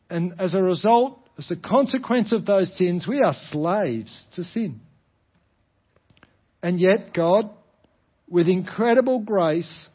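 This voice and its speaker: Male preacher, Australian, high-pitched. Explanatory sermon delivery with emphatic repetition and rhetorical questions. Slightly muffled sound. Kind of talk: sermon, explaining a parable to a congregation.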